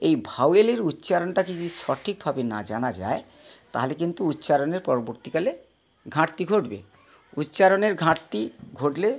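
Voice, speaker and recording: A male teacher giving a pronunciation lesson, slowly spelling out words and patiently repeating each sound for his students. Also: on the high side. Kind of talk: spoken English pronunciation lesson.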